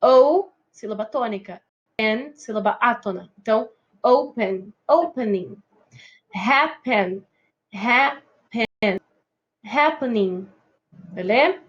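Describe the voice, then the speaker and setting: Brazilian lady teacher explaining english grammar, bit high voice, keeps checking in with the class. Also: lively intonation, takes it slowly, husky, highs cut off. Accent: Brazilian Portuguese. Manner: patient explaining, checks in with students often. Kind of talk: recorded grammar lesson.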